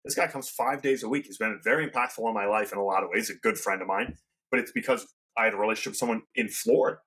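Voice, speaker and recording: A man hosting a podcast, talking in a quick, emphatic, coaching way. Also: lowish voice, fairly bright tone, slightly rough. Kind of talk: casual podcast conversation.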